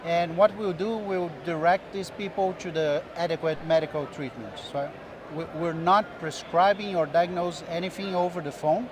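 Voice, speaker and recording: Against the noise of a busy trade-show booth, a middle-aged Brazilian physician who works in diving medicine responds to interview questions. He speaks steadily and a bit higher than usual, with a Brazilian Portuguese accent from his native Portuguese. His answers are measured and explanatory, broken by small restarts.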